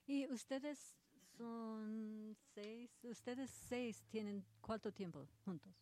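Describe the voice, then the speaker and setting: A woman's voice: fairly high pitch, slow pace, mellow. A woman hosting a community radio interview, asking questions and laughing between them. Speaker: radio host.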